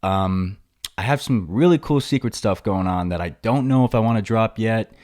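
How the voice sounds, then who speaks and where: A young man hosts his podcast from home in a relaxed, meandering, slangy way, full of fillers and tired-sounding. His voice sits fairly low. The sound is close and dry, with almost no room in it. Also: moderate pace, no echo. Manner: laid-back and rambling, slangy, with many fillers. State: tired and briefly out of breath. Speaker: podcast host. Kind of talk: casual solo podcast talk. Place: home in Los Angeles.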